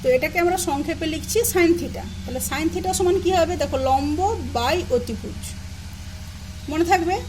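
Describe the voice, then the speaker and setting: A woman's voice: sits high, a little fast, noisy background. A woman teacher with a Bengali accent giving a recorded math lesson. She is patient, spells out terms letter by letter, and asks questions that she then answers herself. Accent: Bengali, from eastern India. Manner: patient, repeats key terms and spells them out.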